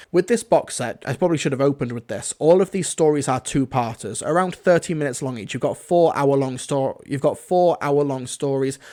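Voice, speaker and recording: This livestream reviewer speaks at a medium pitch with a somewhat dark timbre. His hosting is loose and unscripted, full of excited, meandering commentary.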